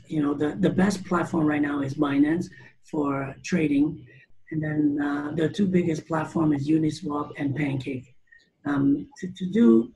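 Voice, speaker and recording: Middle-aged founder from Canada, chatty guest, fairly high for a man, gravelly, heard through a webcam. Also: darkish tone, slight background noise, low-quality recording. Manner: chatty, many fillers and restarts. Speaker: startup founder interviewed. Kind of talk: video call interview. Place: room with teal curtains. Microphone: video call webcam.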